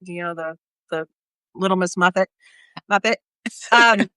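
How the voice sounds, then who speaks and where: A woman's voice: on the low side, unhurried, bright, forceful tone, smooth, no echo. Chatty woman on a live video call. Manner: chatty, rambling with restarts. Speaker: guest speaker on health. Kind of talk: casual live video chat.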